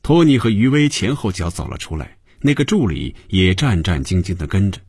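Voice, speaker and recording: 低沉男声, 讲故事, 语调起伏很大, 干声录音. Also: male voice, low voice, sing-song, moderate pace, a little mellow, breathy edge, no echo, studio quality. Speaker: audiobook narrator. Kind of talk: storytelling narration.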